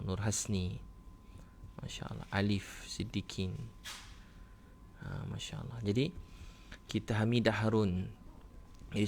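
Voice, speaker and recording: A man's voice: on the low side, gravelly, slight background noise. A man with a Malaysian Malay accent, preaching as an ustaz in a casual livestream, speaking in short repeated phrases and asking his listeners rhetorical questions.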